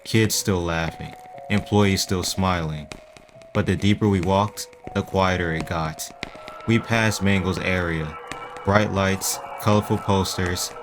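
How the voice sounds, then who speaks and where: A man telling a first-person horror story in a hushed, suspenseful voice with dramatic pauses. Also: low voice. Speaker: storyteller and voice actor.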